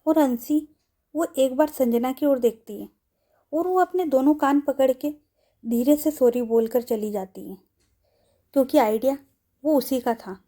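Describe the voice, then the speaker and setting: A woman's voice: high voice, unhurried, pauses often, warm tone. A woman narrating a romance audio story, naming each speaker before their line.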